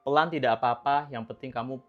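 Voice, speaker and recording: A woman's voice: a bass voice, quick pace, lo-fi sound, faint music behind. A young woman giving casual, chatty, encouraging English-learning tips in a vlog. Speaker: English tutor vlogger.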